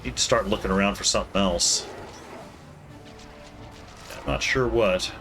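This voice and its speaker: Streaming a game from home, a man offers mumbling, rambling commentary and keeps correcting himself. His voice runs on the low side, a little slow, with vocal fry and a bright, forceful tone, over soft background music.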